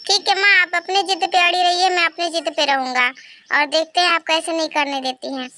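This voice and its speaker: A man's voice: very high voice, fairly even intonation, a little fast, pushed and bright, full character voice. A man voicing a stubborn, devoted young son in a cartoon, talking firmly. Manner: firm, pleading with his mother. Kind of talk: cartoon voice acting.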